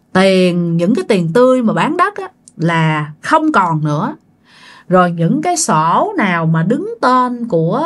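A woman with a Southern Vietnamese accent telling a ghost story in a loose, chatty way, often speaking straight to her listeners. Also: mid-range voice. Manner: chatty, addresses listeners directly, many fillers. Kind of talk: casual spoken ghost story.

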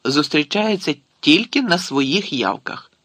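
A man's voice: on the high side, expressive, a little slow, fairly bright tone, slightly rough, no room sound, heavily acted. A man voicing a wry, talkative Soviet security officer who explains things to his superior. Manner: chatty, amused explaining.

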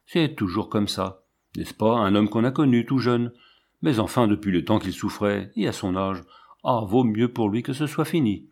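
Cold, calculating fairground widow, calm and detached, read by a man in his own low voice. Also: normal speed. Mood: resigned.

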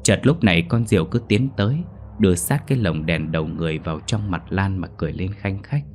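A man narrating a horror story dramatically, slowing down at grisly details. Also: sits low, a little mellow, a little hiss or hum.

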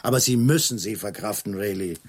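A middle-aged actor playing a Scotland Yard chief inspector, asking probing questions in a dry, ironic way in a 1970s radio drama. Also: male voice, on the low side, a little fast, a little mellow, husky. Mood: wry.

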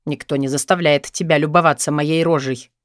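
A man voicing a sullen, weary young man who answers bluntly and flatly. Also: fairly high pitch, fairly quick, dry recording, clean studio sound, lightly acted. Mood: weary, curt. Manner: flat, terse, irritated.

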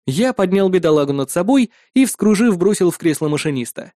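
Male narrator for a first-person audiobook, calm storytelling, dry close sound. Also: high-pitched, brisk, no room sound.

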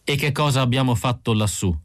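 A man voicing a sharp, brusque female android who speaks in a cutting way. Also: medium pitch, fairly quick, no echo, clean studio sound, voice pushed up, close to an everyday voice.

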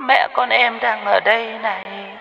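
A woman voicing a vengeful dead young mother ghost, calling out slowly and eerily between cackles. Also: fairly high pitch, creaky. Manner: eerie drawn-out calling with cackles. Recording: long reverb, dull lo-fi, faint hiss.

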